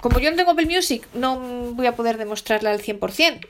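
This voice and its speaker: A woman's voice: on the high side, lively intonation, fast talker. Chatty Spanish woman explaining a phone. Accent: Spain. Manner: chatty, explains step by step to listeners. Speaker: podcast host. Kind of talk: tech tutorial walkthrough.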